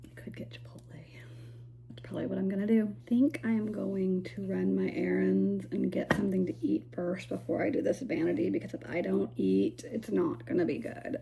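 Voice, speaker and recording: A woman's voice: medium pitch, flat delivery, brisk, hardly any pauses, mellow. Chatty woman vlogger, noisy background. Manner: rambling, chatty, thinks aloud. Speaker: lifestyle vlogger. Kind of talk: casual vlog chat to camera. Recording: clear background noise.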